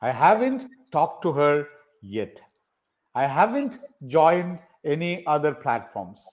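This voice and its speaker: Guy tutoring on a video call, voice bouncing up and down, slightly high, keeps firing off example sentences. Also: sing-song, slow. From South India. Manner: encouraging, repeats phrases and gives many example sentences. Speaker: English tutor. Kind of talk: conversational English practice session.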